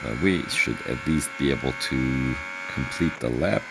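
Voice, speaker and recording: A man giving casual gameplay commentary, relaxed and thinking aloud with frequent pauses. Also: rumbling low, vocal fry, heavy background noise. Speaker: gaming channel host.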